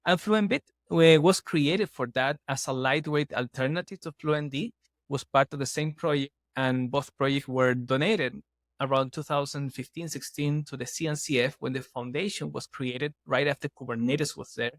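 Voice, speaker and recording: A Chilean startup CEO, a native Spanish speaker, speaks English as a guest on a casual podcast interview. His medium-pitched voice keeps a fairly even intonation at a moderate pace as he explains things earnestly, often restarting sentences. The sound is dry and close on a podcast microphone.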